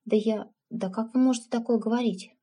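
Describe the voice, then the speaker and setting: Woman reading a timid young village girl, earnest, pleading, soft husky tone, audiobook. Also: a little high, fairly even intonation, a little fast.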